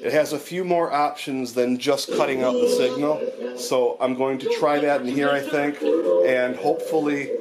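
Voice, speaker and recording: A man's voice: medium pitch, normal speed, over a noisy crowd. A man hosting a spirit box session in a casual, rambling, conversational way, often putting questions out. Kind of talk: casual monologue to camera. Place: indoor room with guitars and amp.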